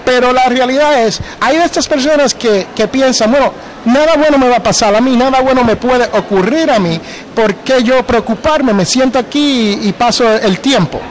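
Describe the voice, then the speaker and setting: High-voiced man hosting a podcast. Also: moderate pace, a little hiss or hum, poor audio. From New Jersey. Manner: chatty, mixes in English words. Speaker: podcast host. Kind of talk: casual interview chat.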